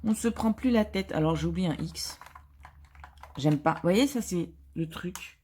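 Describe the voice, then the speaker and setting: A woman's voice: lowish voice, unhurried, a little mellow, slight background noise. Hesitant woman chatting as she crafts. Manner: hesitant, full of filler sounds and restarts; chatty and self-mocking. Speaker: vlogger. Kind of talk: casual chat while diamond painting.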